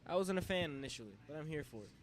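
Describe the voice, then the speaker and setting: A man's voice: fairly high pitch, animated, very fast, slight background noise. A man hosting and commentating a live stream, laid-back and joking as he rambles. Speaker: host and commentator. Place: glassblowing studio with people around.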